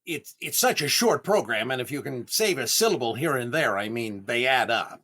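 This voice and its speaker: Flustered and wooing, a male actor portrays an eager, vain comedian who is quickly rattled, stammering and drawing out exclamations like 1930s radio comedy. His mid-range voice is animated with a sharp tone.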